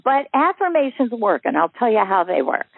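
A woman who teaches affirmations, talking in an animated, emphatic way. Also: fairly high pitch, brisk, gravelly, slightly rough, no room sound. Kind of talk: casual chat. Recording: phone-line audio.

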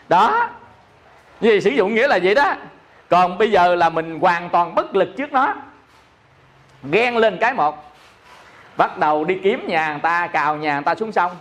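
Southern vietnamese guy teaching buddhism, pretty high voice, keeps asking the crowd if they get it. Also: fairly bright tone. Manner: explains by repeating and asking listeners rhetorical questions. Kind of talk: dharma talk.

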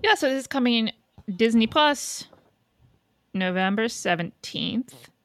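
A woman's voice: on the high side, expressive, a little slow, fairly bright tone. A woman chatting casually as a podcast co-host, blunt and opinionated with casual swearing. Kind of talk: casual fan chat.

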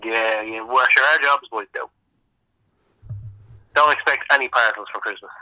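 Irish male co-host calling in by phone; very bright, piercing voice, animated casual banter. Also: medium pitch, normal speed, no room sound, poor audio. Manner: animated, swears freely. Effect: heard over the phone. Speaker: podcast co-host. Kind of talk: casual chat.

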